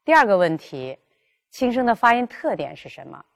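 A woman teaching a pronunciation class, explaining and demonstrating tones in a clear, measured way. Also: mid-range voice, very animated. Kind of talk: classroom lesson.

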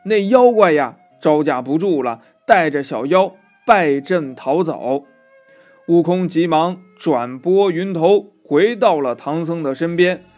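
A man's voice: fairly high pitch, darkish tone, muffled recording. A man narrating a children's story in a lilting manner, drawing out sentence-end particles.

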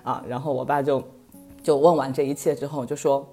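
Low-voiced woman telling a lively story. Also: a little fast, soft background music. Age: 30s. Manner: lively, laughing often while telling a story. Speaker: podcast guest. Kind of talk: casual storytelling chat.

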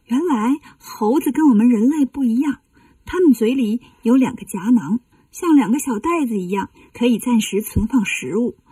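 A woman narrating a classic tale for children, gentle and explaining. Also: fairly high pitch, animated, moderate pace, breathy edge, no room sound, far from the mic. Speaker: children's storyteller.

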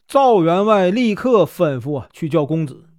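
A man's voice: sits high, sing-song, moderate pace, darkish tone. A man with a Northeastern Mandarin accent narrating a traditional tale, chatty with filler particles between phrases. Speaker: storyteller.

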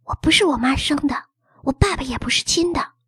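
A shy little girl with a secret, pitched lower than the storyteller's own voice and talking in hushed, hesitant bursts, as a woman reads her part. The sound is close and dry, with no room around it. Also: expressive, quick pace, no room sound, heavily acted. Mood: whispering. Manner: hushed, hesitant, low confiding tone. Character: young girl, secretive, shy, beaten at home. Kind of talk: storybook reading.

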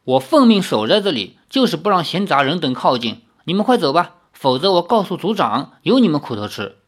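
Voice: medium pitch, very animated, fairly quick. A storyteller voicing a sly, hostile male spy who bluffs and barks threats. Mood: dismissive. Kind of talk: audiobook character voice.

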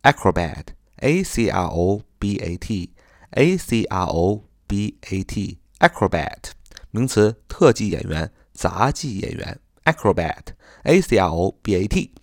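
A man with a fairly low voice gives an English vocabulary lesson in Mandarin Chinese. He repeats each word several times and spells it out letter by letter. His English carries a Mandarin Chinese accent, and the recording is dry with no room sound. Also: sing-song, dry recording. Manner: spells words letter by letter and repeats them slowly.

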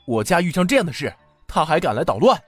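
A raised, fast, scolding voice, as a man puts on a hot-tempered young master. He sounds angry and loud, in a children's storybook. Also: a little high, sing-song, no room sound, soft background music, pitched above the performer's own voice.

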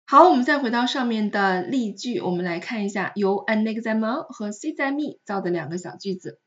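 A woman teaching French in a recorded lesson, explaining patiently and repeating example words slowly. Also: mid-range voice, lively intonation, dull audio.

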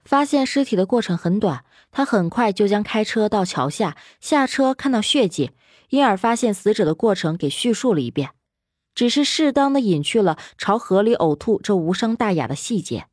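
A woman narrating a serialized novel in an expressive storytelling manner. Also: medium pitch, normal speed, no room sound, clean studio sound. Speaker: audiobook narrator.

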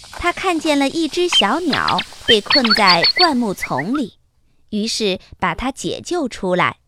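A woman with a fairly high pitch hosts a scripted children's fairy tale, telling it in an expressive, deliberate way.

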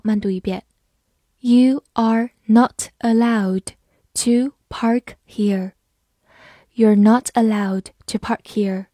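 A woman teaching English vocabulary, spelling words letter by letter and reading example sentences slowly. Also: fairly high pitch, dark tone, no room sound, studio quality. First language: Chinese.

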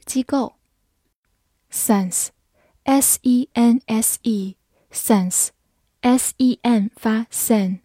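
Slow, mellow-voiced woman teaching vocabulary. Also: a little high, husky, no echo, clean studio sound. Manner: spells words letter by letter and reads example sentences slowly. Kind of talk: scripted vocabulary lesson.

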